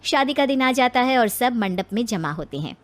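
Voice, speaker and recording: High-pitched woman narrating a story. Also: expressive, moderate pace. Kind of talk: scripted narration of a moral story.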